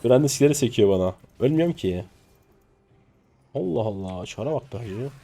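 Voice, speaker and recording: A man in his twenties from Turkey narrates his own match live for viewers. His voice swings widely in pitch, from low mutters to sudden squeaky yelps. He talks in a loose, excitable, jokey way, with casual swearing. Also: normal speed. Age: 20s. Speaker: streamer. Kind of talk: live gameplay commentary.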